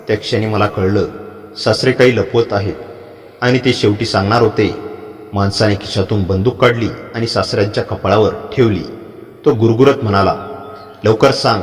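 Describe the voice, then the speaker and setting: A man narrating a dramatic first-person story in a measured reading style, with a long hall reverb on the voice. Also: lowish voice.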